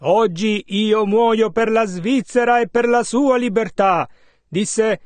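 A man interpreting a sermon, measured and following the preacher's emphasis. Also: very high voice, dry recording.

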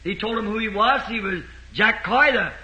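A man delivers a sermon as a rambling folksy story. His voice sits very high and sounds sharp and bright. The recording is roomy, with echo all around him. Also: moderate pace. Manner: folksy, rambling retelling with repeated "he said". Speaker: preacher.

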